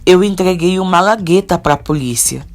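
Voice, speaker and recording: A woman's voice: fairly low pitch, normal speed, soft background music, natural voice. Earnest young man in love, read by a woman.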